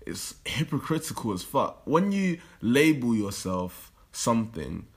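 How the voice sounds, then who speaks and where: Young man reasoning out loud. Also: medium pitch, big pitch swings, slightly rough. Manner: halting, explanatory, informal. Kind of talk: casual chat, debate.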